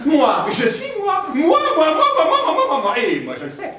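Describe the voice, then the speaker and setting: A woman's voice: high voice, huge pitch swings, unhurried, a little hiss or hum, heavily acted. A woman playing a cheeky, zany caterpillar with a boy's voice in a children's stage play, teasing and singsong. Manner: zany, singsong, rattles off greetings in many languages, teasing. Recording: echoey stage from far off.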